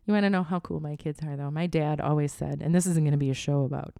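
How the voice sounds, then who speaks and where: A woman's voice: low voice, fairly even intonation, fast, vocal fry, mellow, dry recording. A woman in her forties co-hosting a podcast from a home dining room studio, chatty and laughing often as she tells stories. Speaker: podcast co-host. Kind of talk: casual chat.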